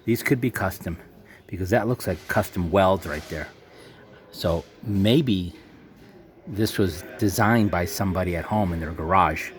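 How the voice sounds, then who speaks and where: A man vlogging casually from inside a resale store, excitable and chatty, talking to his viewers as folks. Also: low voice, unhurried, slight background noise. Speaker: vlogger touring a thrift store. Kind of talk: casual vlog narration.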